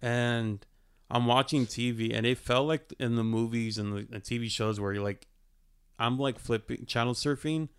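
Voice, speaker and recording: A man's voice: medium pitch, fairly even intonation, moderate pace, clear, resonant tone. A man, telling a story in a casual podcast chat, full of fillers. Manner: laid-back, storytelling with lots of fillers.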